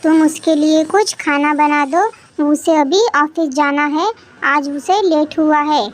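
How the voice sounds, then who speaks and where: A woman voicing a gentle older mother-in-law, very high voice. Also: slow pace, slight background noise. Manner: soft and soothing.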